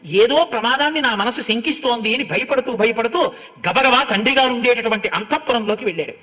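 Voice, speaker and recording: A man giving a devotional storytelling sermon who chants scriptural verses slowly and then explains them. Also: very high-pitched, pushed and bright. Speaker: religious discourse speaker.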